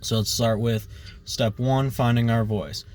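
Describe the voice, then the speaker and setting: A man teaching a casual singing lesson in a loose, rambling way, full of fillers and quick "right?" checks. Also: medium pitch, steady tone, darkish tone, slight background noise. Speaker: vocal coach.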